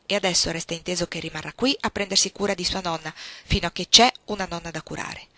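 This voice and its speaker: A woman's voice: lowish voice, fast talker, sharp tone. A woman voicing a shrewd, imperious old grandmother who is bedridden, speaking in an insistent, sly and coaxing way in an audiobook. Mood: confiding.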